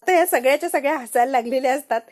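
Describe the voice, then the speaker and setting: A woman narrating a recap of a family TV serial as a story, lively and taking on each character's voice in turn. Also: high voice, very fast.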